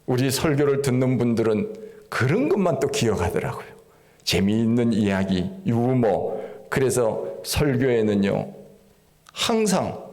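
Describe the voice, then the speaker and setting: A man's voice: medium pitch, a little mellow. A male pastor giving a Sunday sermon in a conversational style, often asking rhetorical questions.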